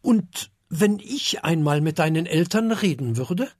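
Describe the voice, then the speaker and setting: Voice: medium pitch, animated, a little slow, a little mellow, no room sound, studio quality. A reader voicing a friendly, helpful young fire dragon in a children's story, speaking eagerly and encouragingly.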